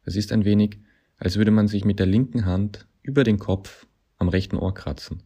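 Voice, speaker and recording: A man reading a satirical story in a deadpan, ironic way. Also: on the low side, normal speed, slightly rough. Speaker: narrator.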